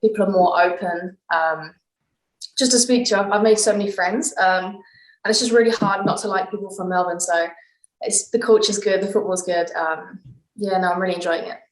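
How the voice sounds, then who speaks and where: A woman's voice: medium pitch, steady tone, normal speed, reverberant, poor audio. A young woman with an East Midlands English accent chatting over a video call, laughing often with many ums. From England, East Midlands. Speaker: footballer, guest. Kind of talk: casual chat on a video call.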